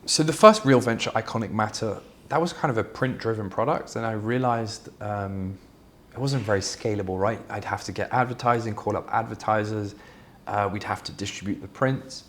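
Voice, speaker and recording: Here the low-voiced male founder from Belgium speaks at a moderate pace with a slightly bright tone, over faint background noise. Flemish is his first language, and as an interview guest he's candid and fluent, though he often restarts and uses many fillers.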